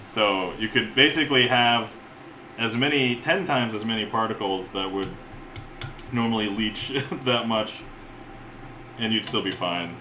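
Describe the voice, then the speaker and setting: A relaxed man with a lowish voice greets viewers during his cooking livestream, rambling and chuckling as he cooks and chats in his home kitchen. There's a little hiss or hum, and the echoey room carries loud clatter of pots, pans, and clinking cutlery.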